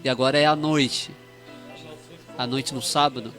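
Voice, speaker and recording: A man hosting a religious radio program, interviewing a guest. He greets listeners with pious phrases and asks loose, rambling questions. His voice is mid-pitched, with faint music in the background. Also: fairly even intonation, moderate pace, a bit bright. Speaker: radio host.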